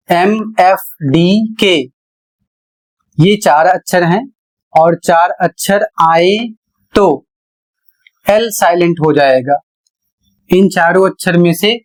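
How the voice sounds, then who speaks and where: A male teacher giving a pronunciation lesson, spelling words out letter by letter and explaining each rule slowly. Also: high-pitched. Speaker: English teacher.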